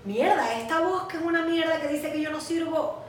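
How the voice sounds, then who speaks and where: Una mujer de unos veinte años con acento venezolano, copresentadora de un pódcast, que cuenta sus vivencias con franqueza y anima sus relatos imitando voces. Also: female voice, high-pitched, moderate pace, very echoey, recorded from a distance, a little hiss or hum. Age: 20s. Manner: candid, animated storytelling with acted quotes. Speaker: podcast co-host. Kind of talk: casual chat.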